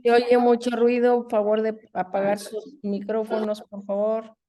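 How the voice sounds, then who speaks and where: A woman moderator speaks in short, polite requests over a video call. Her voice is fairly high but mellow and soft-edged. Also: monotone, moderate pace. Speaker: forum moderator. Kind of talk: moderating an online session.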